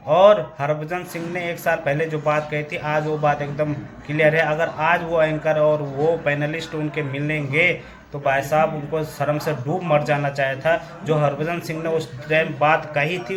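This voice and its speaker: Male vlogger, Garhwali Hindi accent, slightly high voice, emphatic and indignant, music bed. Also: a bit bright. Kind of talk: casual commentary to camera.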